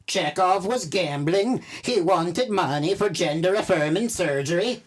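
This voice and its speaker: A woman's voice: on the low side, lively intonation, measured pace. A woman playing an exasperated shop worker with a gangster side in a comedic noir audio drama, put-upon and dramatic. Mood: reluctant explaining. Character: exasperated furniture store worker, secretly a Swedish gangster.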